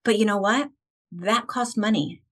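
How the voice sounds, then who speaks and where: A woman's voice: mid-range voice, measured pace. Earnest, passionate American woman guest. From United States. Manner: earnest and passionate, building to emotional fervor. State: emotional, voice close to tears at times. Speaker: podcast guest. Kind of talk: faith-focused podcast conversation.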